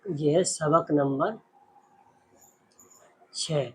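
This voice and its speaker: An Urdu teacher gives a slow, patient classroom lesson in a husky voice on the high side, speaking very slowly. He sounds out letters one by one and explains things through rhetorical questions.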